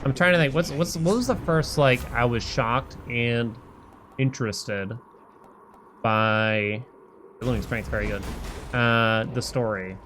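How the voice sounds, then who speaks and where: This is a middle-aged man commentating a live game stream in a loose, chatty way, wandering through his thoughts aloud and humming silly little tunes. His medium-pitched voice is slow, with slight background noise and loud game music behind him.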